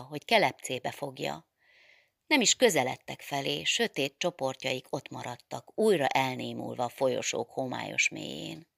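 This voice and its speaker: A woman narrating a literary novel in a measured, dramatic reading. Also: very deep voice, gravelly, a bit bright, no room sound, studio quality.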